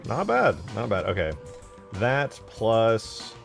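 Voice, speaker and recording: With background music playing, a modder livestreams his game mod work, chatting casually and half muttering to himself. His fairly low voice has vocal fry and big pitch swings, and he takes things slowly.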